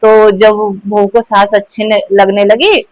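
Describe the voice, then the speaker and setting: A woman's voice: mid-range voice, little pitch movement, takes it slowly, no echo, poor audio. A woman casually telling a moral family story, chatty, with fillers and restarts.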